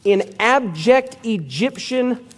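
A man's voice: very high voice, lively intonation, slow. A male pastor preaching a sermon with emphatic storytelling and calls for amen.

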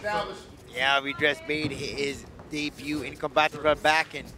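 A man's voice: fairly high pitch, slow pace, crowd noise. A man giving casual live fight commentary as an analyst. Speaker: colour commentator. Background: music.

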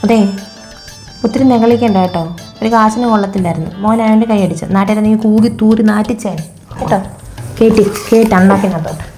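A woman's voice: medium pitch, quick pace, dark tone, soft background music. A woman acting in a comedy sketch, fussy and complaining, repeating her lines nervously.

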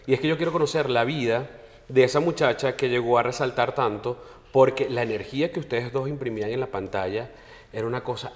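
A man, hosting an interview with eager questions and quick agreements on a studio set. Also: mid-range voice, in a large hall. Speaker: interview host. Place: bright television studio set, indoors. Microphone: lapel mic.

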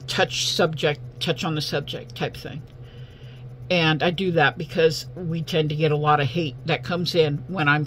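A woman speaks hoarsely, as if her voice is giving out, over a faint noisy hum. She talks to her online viewers casually, in an earnest and halting manner. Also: sits low. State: hoarse, losing voice. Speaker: online video host. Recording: faint background hum and noise.

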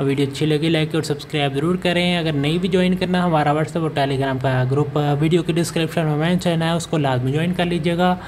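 A man's voice: on the high side, steady tone, a little fast, few pauses, a little mellow, a little hiss or hum. A man narrating a step-by-step phone app walkthrough, with fillers and self-corrections as he goes. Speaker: channel host. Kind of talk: screen-recorded app walkthrough. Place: voice-over over phone screen recording.

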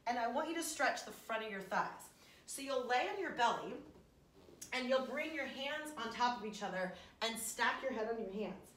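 A chatty, encouraging woman in her thirties leads a casual stretching workout from her living room, her voice on the high side, expressive and fairly bright at a moderate pace. The camera sits a few meters away, so the sound is roomy and distant with faint room noise.

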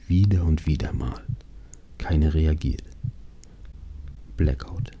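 A man in his thirties narrating his own accident in the first person, halting and dramatic, slipping into hushed whispers. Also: very deep voice, husky, dull audio.

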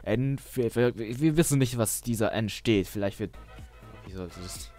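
A man's voice: fairly low pitch, measured pace, dark tone. A young man rambling through casual screen-share commentary, hesitant, with frequent restarts and laughs at his own jokes. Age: young adult. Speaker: YouTuber. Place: small bedroom at a desk. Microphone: headset. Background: faint background music.

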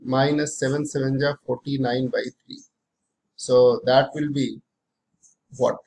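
A man's voice: mid-range voice, flat delivery, a little slow, a little mellow, rough recording. A middle-aged man with an Indian accent teaching maths, working through problems aloud, often repeating phrases and posing questions to himself.

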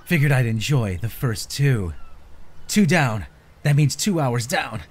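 A man's voice: medium pitch, animated, measured pace, breathy edge. A man giving an informal, slangy, theatrically exasperated reading of social media posts.

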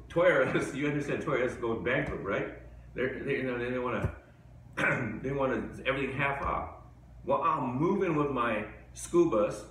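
A man's voice: far from the mic, slight background noise. Rambling man in an echoey room. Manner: rambling, digressive, with sudden high outbursts. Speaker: comedian host. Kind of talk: rambling stand-up monologue. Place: live show venue.

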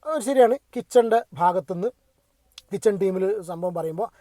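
Guy ranting about a reality show, talks fast, keeps asking viewers what they think. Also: high voice, warm tone, no room sound. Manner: chatty, addresses viewers directly, asks for their opinion. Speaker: reality-show commentator vlogger. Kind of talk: casual opinionated commentary.

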